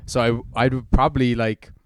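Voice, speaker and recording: A man co-hosting a casual podcast, mulling things over as he talks and leaning on fillers. His voice is smooth and resonant at a middle pitch, recorded close and dry with no room sound. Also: level tone, moderate pace, no room sound. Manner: reflective, thinks aloud with many fillers. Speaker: podcast co-host. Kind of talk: casual chat.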